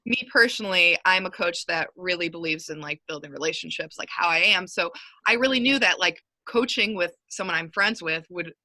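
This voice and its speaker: A young woman coach talks with a bright, forceful edge, chatty and upbeat, stringing her thoughts together with plenty of "like" and "um." Her voice sits a little low for a woman and sounds dry and close, with little room around it. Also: fairly quick, no echo, poor audio. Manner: upbeat, rambling with many fillers. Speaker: basketball coach. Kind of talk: casual interview.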